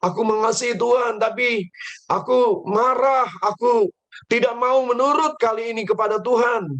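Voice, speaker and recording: A stubborn, complaining prophet speaks up in a high, raised voice, acted by a man telling the story. He sounds defensive and sulky, as in a Sunday-school storybook telling. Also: normal speed, a bit bright, lo-fi sound. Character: reluctant sulking male prophet Jonah.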